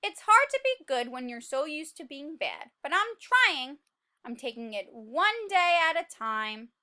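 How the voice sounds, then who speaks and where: A woman's voice: sits high, very animated, unhurried, pushed and bright, heavily acted. A woman voicing a tiny, gloomy male sunflower seed who is trying to reform, in a dramatic, confessional storybook read-aloud. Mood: hopeful, earnest. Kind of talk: children's picture book read-aloud.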